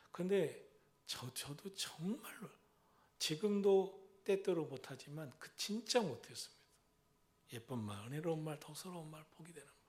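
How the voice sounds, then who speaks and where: A middle-aged man, senior pastor, preaching a sermon in a repetitive, rhythmic cadence, swinging between loud exhortation and hushed whispers. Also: a little high.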